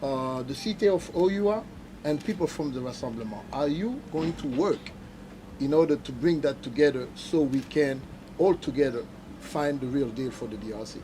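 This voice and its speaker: A man, a journalist, asking a long, halting question at a press event. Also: medium pitch, dark tone, slight background noise, poor audio. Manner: halting, many fillers and restarts.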